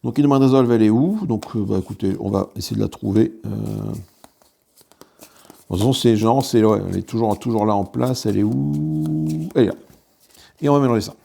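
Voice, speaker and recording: Hosting a board game channel, a man with a fairly low, creaky, dark-toned voice speaks fairly quickly through a solo playthrough. He explains card rules while handling components, with frequent fillers and restarts.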